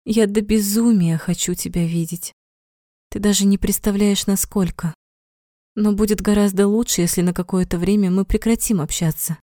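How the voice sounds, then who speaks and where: An outspoken, emotional young woman in an audiobook, voiced by the woman reader, blunt and quick to curse. The voice is warm and low-key in tone, and the recording is close and dry. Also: steady tone, dry recording, natural voice. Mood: pained. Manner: outspoken, swears when upset.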